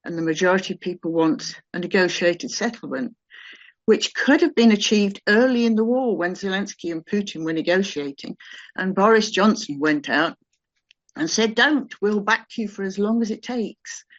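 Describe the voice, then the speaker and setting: A woman's voice: medium pitch, normal speed, no echo. Woman asking questions on a lo-fi call. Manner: earnest, questioning. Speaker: audience member asking a question. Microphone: video call. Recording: dull, dry lo-fi call audio.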